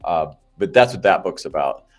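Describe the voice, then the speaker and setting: A man's voice: sits low, animated, moderate pace, faint music behind. A man being interviewed as a guest, talking in a rambling, jokey way with frequent restarts. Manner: rambling, self-correcting, jokey. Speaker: podcast guest and marketing company founder. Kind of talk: casual interview chat.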